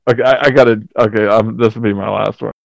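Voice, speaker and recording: A man's voice: lowish voice, fairly even intonation, fast talker, creaky, no echo, low-quality recording. A man telling crude jokes in a casual podcast chat, stumbling and laughing at himself. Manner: laughing, stumbling, self-mocking. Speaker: podcast co-host.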